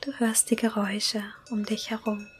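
A woman whispering a slow, calm guided meditation. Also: mid-range voice, a little hiss or hum.

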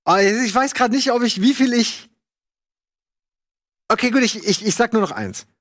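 A man casually reviewing a book in a video, rambling with lots of fillers and lively asides. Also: extremely high pitch, moderate pace, no echo, clean studio sound.

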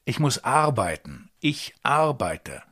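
A man's voice: mid-range voice, sing-song, slow, a bit bright, husky, full character voice. A man reading aloud as an irritated uncle who defends himself against his sister, in a storybook reading. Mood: annoyed. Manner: defensive, annoyed.

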